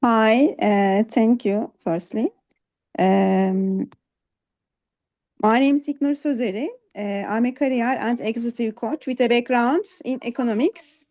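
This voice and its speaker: A woman speaks over a video call in a slow, halting way. Her voice sits a little high and has a soft, mellow tone, broken up by long hesitations. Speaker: career and executive coach.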